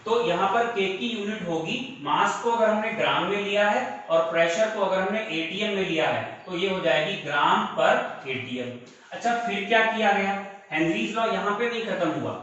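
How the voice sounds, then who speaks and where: A male chemistry teacher giving a lesson, slowly dictating definitions word by word and calling his students "beta". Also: high voice, animated, a bit bright, very echoey, highs cut off. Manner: addresses students fondly as "beta". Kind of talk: classroom lesson in Hindi with English terms.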